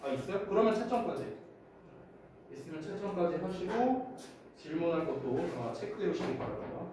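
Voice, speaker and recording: A man's voice: fairly high pitch, expressive, a little mellow. A man teaching English grammar to a class, talking emphatically and checking often that students follow. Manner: emphatic, keeps checking students with quick questions. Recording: echoey room, mic far off, noisy.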